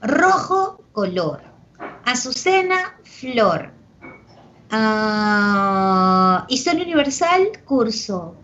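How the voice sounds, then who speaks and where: High-voiced Peruvian woman teaching a class. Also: sing-song, extremely slow, fairly bright tone, slight background noise. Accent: Peruvian Spanish. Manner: explains with examples, constantly checks in with "¿ok?" and "¿de acuerdo?"; affectionate with students. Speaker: pre-university language teacher. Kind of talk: online class lecture. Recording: dull lo-fi audio.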